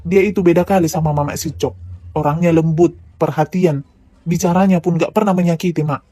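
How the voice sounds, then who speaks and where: A woman's voice: lowish voice, mellow, no room sound, close to an everyday voice. A woman with a Medan Indonesian accent voicing a defensive married man in his thirties who complains about his home life. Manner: sulky, complaining, justifying himself.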